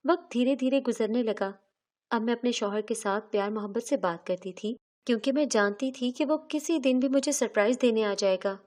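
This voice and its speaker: A woman reads a scripted first-person story in an earnest, confessional tone. Her voice sits somewhat high for a woman and stays steady throughout. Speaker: narrator.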